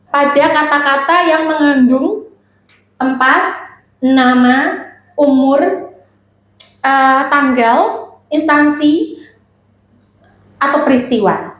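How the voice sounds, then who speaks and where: A woman's voice: high voice, fairly bright tone. A woman with a Javanese accent giving a playful seminar talk on communication, teasing her audience. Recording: echoey hall.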